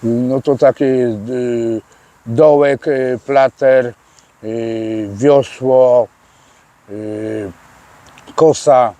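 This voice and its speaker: Hesitant male interviewee outdoors, slow and halting, ordinary middle pitch. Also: mellow. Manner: hesitant, many fillers and restarts. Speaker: interviewee explaining prison slang. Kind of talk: casual interview answers. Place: outdoors by a street.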